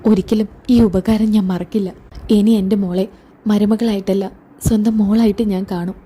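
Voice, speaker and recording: A woman's voice: medium pitch, steady tone, normal speed, mellow, breathy edge, natural voice. A woman voicing a remorseful older mother-in-law who speaks tenderly. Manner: tender, pleading.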